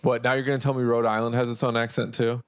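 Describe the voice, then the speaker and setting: A man's voice: medium pitch, little pitch movement, fast, clean tone. A man co-hosting and moderating a podcast, chatting casually with playful, teasing banter. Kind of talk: casual chat.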